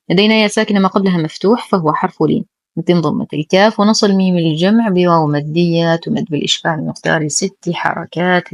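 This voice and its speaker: Woman, lower voice, patient recitation teacher who spells out each rule and intones examples slowly, dry close recording. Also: no room sound. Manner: careful, precise, slow drawn-out recitation of examples. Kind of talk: tajweed lesson, explaining then reciting slowly.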